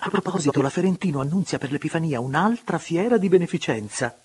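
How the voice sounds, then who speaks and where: A man doing a chatty, excited baron. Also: on the high side, quick pace, husky, voice pushed up.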